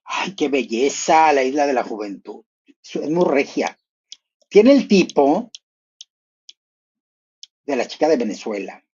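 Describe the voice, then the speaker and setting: A man gives a playful, gossipy live commentary. He thinks out loud and breaks into sudden high exclamations. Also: lively intonation, normal speed, slightly rough, muffled recording.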